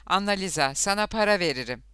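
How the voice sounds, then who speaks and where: A man voicing a sweaty, desperate middle-aged truck driver who pleads and calls out loudly, in a storybook reading. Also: fairly high pitch, a little slow, clean tone, no echo, clean studio sound. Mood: pleading.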